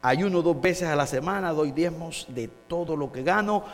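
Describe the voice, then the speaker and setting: A man's voice: fairly high pitch, normal speed, soft background music, lightly acted. Man playing a smug self-righteous Pharisee. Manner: smug, listing others' sins. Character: self-righteous proud male Pharisee praying. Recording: echoey hall.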